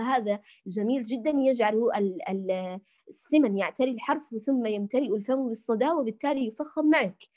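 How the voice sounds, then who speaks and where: A woman's voice: high-pitched, a little mellow, muffled recording. A woman teaching Quran recitation in a recorded lesson, patiently demonstrating sounds and calling her listeners dear. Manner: addresses listeners fondly as dears.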